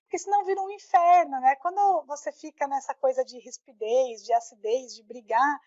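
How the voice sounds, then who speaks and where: A Brazilian woman with a notably high voice talks in an easy, emphatic podcast chat. Her sound is dry and close, with a somewhat dull, lo-fi quality. She keeps tossing in little tag questions as she talks. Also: a little fast, a little mellow, no room sound. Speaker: podcast co-host. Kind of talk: casual conversational chat.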